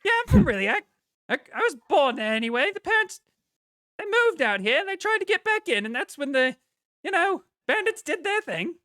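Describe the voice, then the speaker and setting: A woman's voice: extremely high pitch, big pitch swings, fairly quick, fairly bright tone, no room sound, studio quality, heavily acted. A woman voicing a hearty, folksy male innkeeper in a tabletop role-playing game. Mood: folksy, matter-of-fact. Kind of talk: tabletop role-play character voice.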